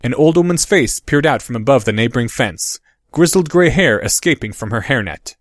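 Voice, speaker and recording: A man reading audiobook narration in a steady, measured way. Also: mid-range voice, no echo.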